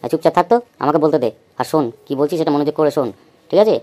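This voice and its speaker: Woman voicing a bossy cartoon boy, very fast, lowish voice, dismissive. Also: dark tone, lightly acted. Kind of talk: cartoon comedy voice acting.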